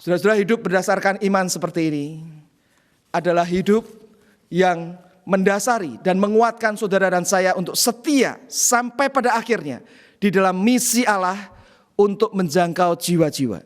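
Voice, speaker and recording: High-voiced pastor preaching in a reverberant hall. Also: male voice, normal speed. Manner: storytelling, often addressing listeners as brothers and sisters. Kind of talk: sermon with a personal story.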